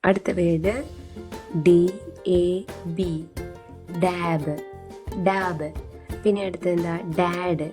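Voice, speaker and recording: Patient woman teacher, slow and low-pitched, spells and repeats words for learners. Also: steady tone. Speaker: English phonics teacher. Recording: faint music behind.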